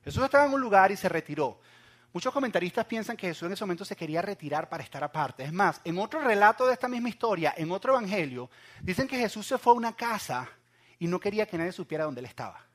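A young man preaching a sermon, swinging from loud acted cries to hushed asides and talking straight to his listeners. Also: high voice, lively intonation, quick pace. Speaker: pastor.

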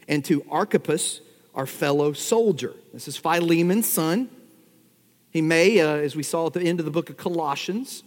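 A man preaching an expository sermon, teaching verse by verse and firing rhetorical questions at his congregation. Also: fairly high pitch. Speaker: pastor. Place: church sanctuary. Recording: long hall reverb.

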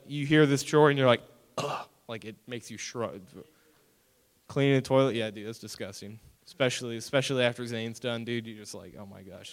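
A young man leads a youth group sermon, his smooth voice ringing with long reverb through a hall. He talks casually with the kids and acts out stories in exaggerated whiny voices. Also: medium pitch. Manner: animated storytelling with mock-whiny quoted voices. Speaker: youth pastor.

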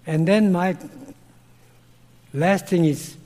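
A man with a high-pitched voice and a Korean accent speaks in broken English, recorded in a large hall. He's a missionary guest answering interview questions with personal stories, slow and earnest but growing loud when he gets animated.

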